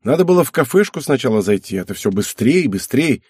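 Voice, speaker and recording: Man voicing a wry, calm husband. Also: medium pitch, quick pace, husky, dry recording, clean studio sound. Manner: relaxed, mildly teasing. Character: calm, wry middle-aged husband and father.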